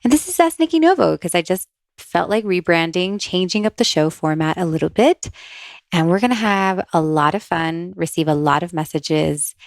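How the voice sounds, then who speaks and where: A New Jersey-born woman raised in Miami hosts her own casual solo podcast, chatting upbeat and often laughing between thoughts as a podcast host and intuitive reader. Her lowish voice carries vocal fry, and the studio-quality recording has no room sound.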